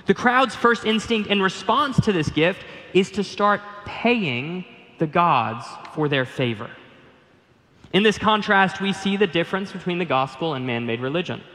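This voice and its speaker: A male pastor preaching a sermon in an earnest, measured way, building emphasis as he goes. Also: sits high, lively intonation, bright, forceful tone, long reverb tail.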